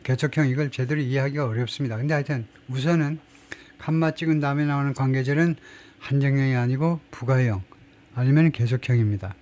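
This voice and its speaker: A man's voice: mid-range voice, darkish tone. A middle-aged man teaching English grammar in an emphatic, explanatory lecture, reading English example sentences aloud.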